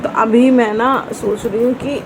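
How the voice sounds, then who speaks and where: A woman's voice: a little high, fairly even intonation, moderate pace. Chatty woman vlogging over background noise. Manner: chatty, asks viewers questions. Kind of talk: casual vlog chat.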